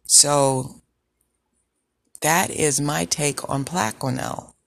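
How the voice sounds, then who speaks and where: A woman with a low, sultry voice hosting a personal podcast, speaking in a deliberate, reflective way with pauses. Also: creaky, a bit bright, no echo. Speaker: podcast host. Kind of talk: personal health podcast monologue.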